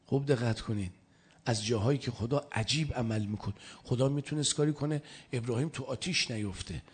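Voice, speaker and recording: A man with a husky, slightly breathy voice delivers a sermon at a middle pitch. He tells a religious story at length and quotes scripture verses in between. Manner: storytelling, quoting scripture in Arabic. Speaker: preacher.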